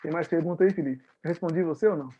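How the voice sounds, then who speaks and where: A man's voice: on the high side, quick pace, dark tone, dull audio. A man with a Brazilian Portuguese accent giving a conversational online lecture to medical students, explaining with acted-out examples and questions to his listeners. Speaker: guest lecturer on leadership.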